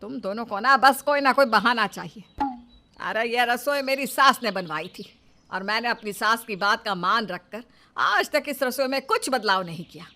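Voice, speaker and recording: A woman voicing a stubborn older mother-in-law who scolds loudly and waves off complaints. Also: fairly high pitch, lively intonation, moderate pace, pauses often. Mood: scolding. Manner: loud, scolding, dismissive.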